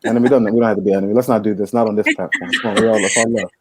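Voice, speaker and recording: A man's voice: lowish voice, steady tone, rapid-fire, slightly rough, no room sound. A man from Nigeria, a comedian on a video-call panel, talking hesitantly with many fillers. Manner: hesitant, filler-heavy, then joking. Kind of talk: casual panel chat.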